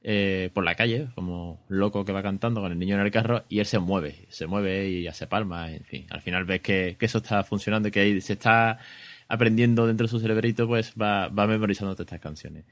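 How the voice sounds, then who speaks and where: A man hosting a parenting podcast in relaxed, rambling casual chat. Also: on the low side, fairly quick, no room sound. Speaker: podcast host.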